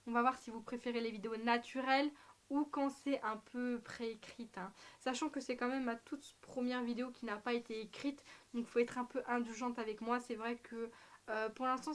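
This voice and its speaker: A young woman with a fairly high voice chats to her camera in a loose, unscripted vlog. She plays up her delivery with ironic, exaggerated emphasis, drops in slang and fills pauses with lots of ums. It sounds like a home room recorded on the camera's own mic. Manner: animated, ironic, exaggerated, slangy, many fillers. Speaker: anime vlogger.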